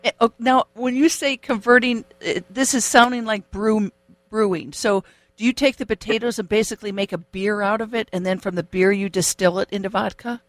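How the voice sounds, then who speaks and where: A curious interviewer leads the talk, asking follow-up questions. The voice sits at a middle pitch and sounds close and dry, with no room around it. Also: fairly even intonation, a little fast, no echo. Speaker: radio interviewer.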